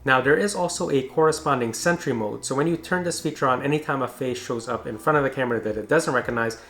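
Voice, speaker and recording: A man with a mid-pitched voice narrates a product review. He explains things informally, in an easy conversational style. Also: fast talker, a bit bright.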